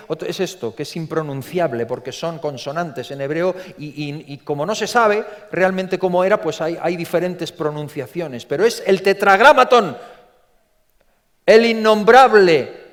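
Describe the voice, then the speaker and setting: Animated preacher from in a big hall. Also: male voice, high-pitched. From Spain. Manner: animated, repeats words, acts out quotes in a story. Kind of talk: sermon. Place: large church. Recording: long reverb from a church hall.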